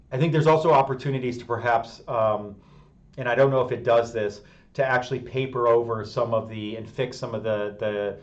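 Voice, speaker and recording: Chatty man explaining tech on a dull stream. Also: mid-range voice. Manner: thinks aloud with frequent fillers and restarts, reads chat. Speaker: host of a live technical stream. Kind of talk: casual live-stream explanation. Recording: slightly dull lo-fi stream audio.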